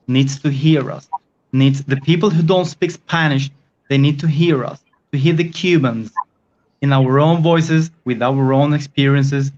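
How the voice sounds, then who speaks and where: A man's voice: on the high side, darkish tone. Earnest male guest, muffled sound.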